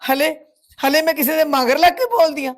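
A woman's voice: high-pitched, fairly quick, close to an everyday voice. An actress with a Punjabi accent playing a grieving village woman who bitterly reproaches a family friend. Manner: reproachful, tearful accusations. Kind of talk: village web series drama.

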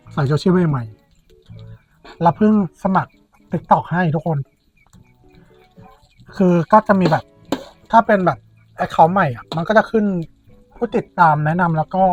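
A food vlogger and host chatting casually and informally, speaking straight to followers. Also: mid-range voice. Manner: informal, chatty, addresses viewers directly. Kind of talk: casual mukbang chat to followers. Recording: dull, lo-fi sound with background music.

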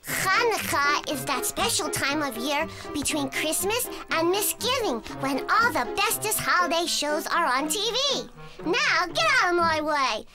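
A woman's voice: very high-pitched, lively intonation, unhurried, over loud music. A woman voicing a bossy, know-it-all little girl in a cartoon. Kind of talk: cartoon voice acting.

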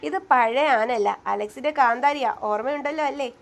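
A woman's voice: high-pitched, creaky, slight background noise. Woman reading as a feisty sulky young wife. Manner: sulky, quick to bristle.

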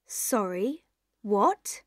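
A woman's voice: mid-range voice, lively intonation, very slow, dry recording, clean studio sound. A woman acting a puzzled listener asking questions in exaggerated, stilted textbook dialogue.

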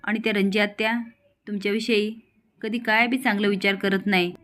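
A woman voicing a caring young village wife who pleads gently. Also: medium pitch, fairly even intonation, brisk, natural voice. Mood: worried, pleading.

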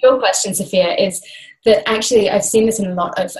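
Her pitch is medium and her pace fairly quick as this thirty-something guest speaker talks casually and with animation over a laptop video call. She sits in a small room and gestures expansively with both hands. The laptop webcam mic produces a rough recording.

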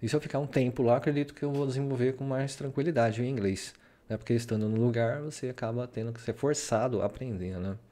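Sharing his screen, a man from Brazil chats about how he studies, rambling on and tacking "né?" onto lots of sentences. He speaks at a quick pace in a mellow, medium-pitched voice.

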